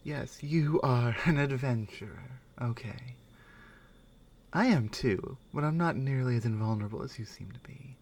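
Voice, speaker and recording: A woman voices a strong, skeptical Nordic warrior companion for a soft, intimate ASMR roleplay, sounding wry and curious. Her heavily acted voice is rumbling low, and she muses with pauses and murmured asides.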